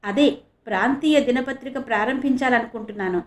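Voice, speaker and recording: A woman's voice: a little high, a little fast, close to an everyday voice. A woman voicing a hopeful young male reporter in an audio novel, reading his lines eagerly. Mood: earnest.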